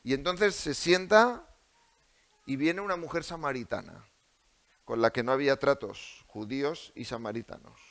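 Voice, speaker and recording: A man's voice: medium pitch, moderate pace, vocal fry, a bit bright. A male preacher with a Spanish accent delivering a sermon in a church, asking the congregation many rhetorical questions. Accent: Spain.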